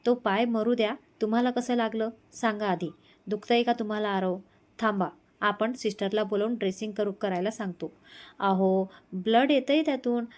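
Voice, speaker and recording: A woman's voice: mid-range voice, normal speed, lightly acted. A woman voicing a young wife who fusses over her husband and teases him back, read in her own voice as part of a storybook reading. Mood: worried. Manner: pleading, playful. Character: young wife, worried and playful.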